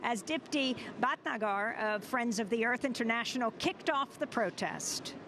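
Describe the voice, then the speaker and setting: A woman's voice: fairly high pitch, normal speed, heavy background noise. A woman news anchor reading scripted narration.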